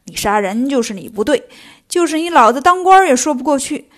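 A woman's voice: sits high, lively intonation, measured pace. A woman voicing a timid, nagging male monk in a children's story, fretting and scolding at length. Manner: fretful, scolding, long-winded.

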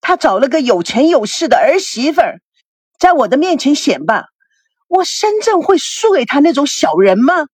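A woman's voice: high voice, sing-song, normal speed, darkish tone, dry recording, clean studio sound, pitched above the performer's own voice. A woman voicing a proud middle-aged father who argues defensively.

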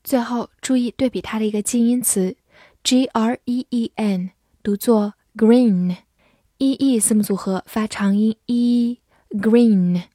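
Slow, dry-voiced woman teaching English words. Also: fairly high pitch, dark tone, no room sound. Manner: spells words letter by letter and reads example sentences slowly. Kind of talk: vocabulary lesson.

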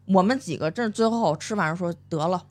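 A middle-aged woman from Beijing with a Beijing accent, a guest telling a workplace story in blunt, animated casual chat. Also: on the low side, quick pace.

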